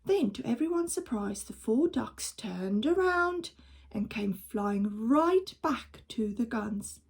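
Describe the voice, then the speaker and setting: Reading a children's story aloud like a teacher, a woman takes a measured, expressive storytelling approach. Her voice sits a little high and comes across creaky and husky.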